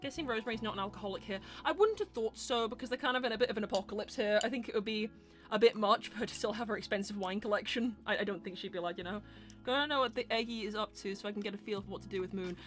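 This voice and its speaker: A woman hosts a live roleplay stream, answering questions casually and candidly in rambling explanations during a Q&A chat. She speaks at a racing pace with a medium pitch, and faint music plays behind her.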